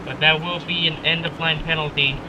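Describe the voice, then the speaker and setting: A man giving live motorsport commentary as a race commentator, calling the action in drawn-out announcer phrases. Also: on the high side, level tone. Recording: clear engine and car noise behind.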